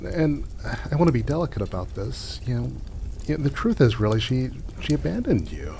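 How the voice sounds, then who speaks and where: Against clear background noise, a man plays a gentle small-town doctor in an improvised radio drama. His mid-pitched voice is sing-song, concerned, and careful as he chooses his words, stalling and hedging tactfully to placate and soothe.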